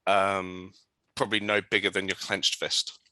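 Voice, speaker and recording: Bright-voiced game master. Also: male voice, sits low, moderate pace, dry recording. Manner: relaxed, lots of ums, describing scenes and ruling on rolls. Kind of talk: narrating a tabletop game.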